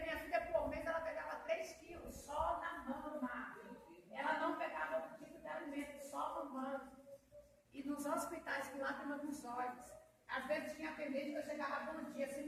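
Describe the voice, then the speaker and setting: A woman's voice: sits high, vocal fry, noisy background. A Brazilian woman missionary giving an emotional testimony sermon, calling out to her listeners as brother and sister. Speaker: missionary preacher. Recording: very echoey, mic far off.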